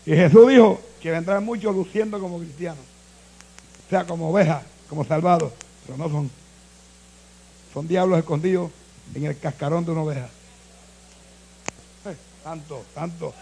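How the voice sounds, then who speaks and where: A man preaching a sermon as pastor, switching between low, quiet passages and shouted calls to the congregation. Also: normal speed, vocal fry, long pauses, slightly rough.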